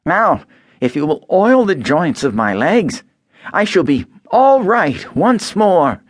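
A man doing a high, slow, polite tin woodman. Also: big pitch swings, no echo, heavily acted. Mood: earnest. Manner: slow, drawn-out, high pleading. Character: creaky, polite, grateful male tin woodman.

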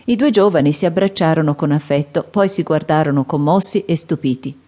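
Woman audiobook narrator, low, warm, measured storytelling. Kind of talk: scripted narration.

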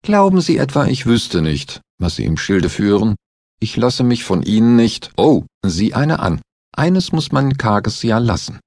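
A man's voice: medium pitch, very animated, unhurried, darkish tone, no room sound, pitched above the performer's own voice. A man doing a dry, mocking doctor sleuth. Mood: dry amused. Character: ironic, composed male doctor investigator.

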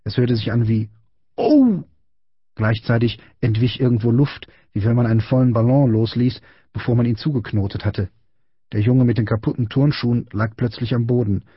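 A man, the author, reading his own novel aloud in calm, even audiobook narration. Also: medium pitch, brisk, husky, dry recording, dull audio.

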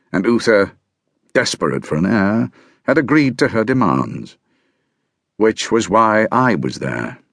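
A man narrating a historical novel audiobook in a measured, grave first-person storytelling manner. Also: on the low side, no room sound.

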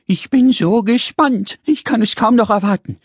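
A man voicing a tiny, excitable and impatient pink male creature in a children's audiobook, chattering nonstop in a whiny, fussy way. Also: high-pitched, moderate pace, breathy edge, dry recording, studio quality, voice pushed up.

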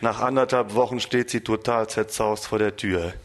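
A man's voice: fairly low pitch, steady tone, moderate pace. A man reading his own humorous story aloud in a dry, amused way for an audiobook.

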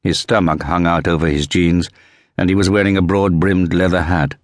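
Deep-voiced male audiobook narrator. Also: fairly even intonation, moderate pace, dry recording, clean studio sound. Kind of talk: scripted narration.

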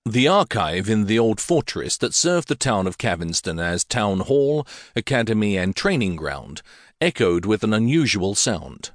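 Male audiobook narrator, low voice, dry close studio sound, measured delivery. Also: sing-song, dry recording. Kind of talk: scripted fantasy audiobook narration.

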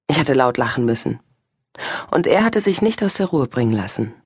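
A woman reads first-person fiction in a measured, reflective way, her voice husky and breathy. The studio sound is dry and close, with no room around it. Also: rumbling low, darkish tone, dry recording. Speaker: audiobook narrator. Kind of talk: first-person literary narration.

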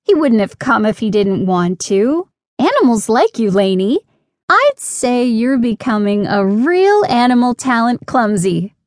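A woman's voice: medium pitch, big pitch swings, normal speed, darkish tone, no room sound, clean studio sound, close to an everyday voice. A woman voicing a friendly, impish female fairy in a children's audiobook, playful and encouraging.

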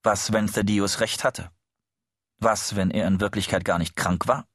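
A man narrating an audiobook, telling the story in a steady, expressive manner. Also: fairly low pitch, unhurried, no echo, studio quality. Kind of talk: scripted narration.

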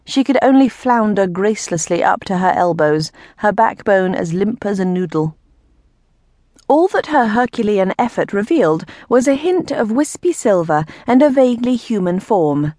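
A woman's voice: mid-range voice, lively intonation, normal speed, mellow, no echo, studio quality. A woman narrating a novel as an audiobook, with a wry, lightly ironic reading. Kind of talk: scripted narration.

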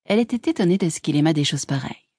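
Woman reading a classic story, husky tone, dry close sound. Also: deep voice, expressive, very fast, warm tone, no room sound. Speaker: audiobook narrator. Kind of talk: literary audiobook narration.

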